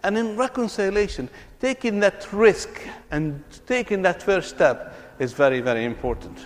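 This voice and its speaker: His high voice has lively intonation and a normal speed as this Palestinian man speaks to an audience about reconciliation. Earnest in his storytelling, he often repeats words, and the hall makes everything sound reverberant.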